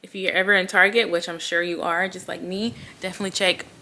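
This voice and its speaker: A woman's voice: on the low side, little pitch movement, quick pace, background noise. A woman in her late twenties chatting casually to her viewers in a vlog, upbeat and talkative. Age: late 20s. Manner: chatty, upbeat, says "y'all". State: has the hiccups. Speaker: vlogger.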